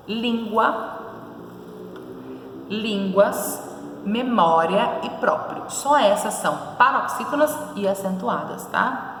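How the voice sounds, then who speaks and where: A woman's voice: mid-range voice, fairly bright tone. Patient woman teacher in an echoey room. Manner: patient, asks questions then answers them, praises students. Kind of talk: recorded remote class going over textbook exercises. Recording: echoey room with faint noise.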